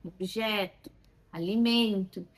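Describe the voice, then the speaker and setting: Her mid-range voice takes things slowly as this child development educator, speaking Brazilian Portuguese, shows how a children's learning game works. The phone recording captures her animated manner, switching to a child-directed tone when modelling questions.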